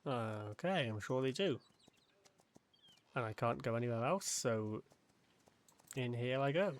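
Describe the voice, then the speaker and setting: A man's voice: mid-range voice, expressive, unhurried. A man casually commenting while playing a game, making chatty, wry asides to what the narrator says. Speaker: game streamer. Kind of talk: casual let's-play commentary.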